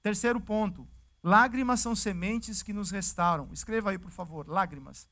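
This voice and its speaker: High-voiced Brazilian pastor preaching. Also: male voice, normal speed. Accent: Brazilian Portuguese. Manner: lively and conversational, acting out the scripture scenes. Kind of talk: sermon. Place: church service.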